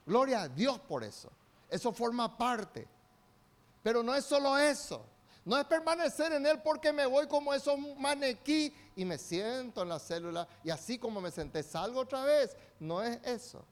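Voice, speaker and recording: A male pastor with a high voice preaching to his church. He leads call-and-response and moves between quiet, drawn-out lines and loud rallying shouts. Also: animated. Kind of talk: sermon.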